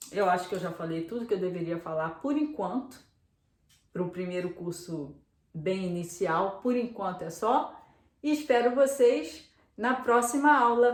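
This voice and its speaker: Slow, patient woman teacher in echoey room. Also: on the high side, far from the mic. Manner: slow, clear repetition with frequent "tá?" checks. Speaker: French teacher. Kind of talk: beginner language lesson.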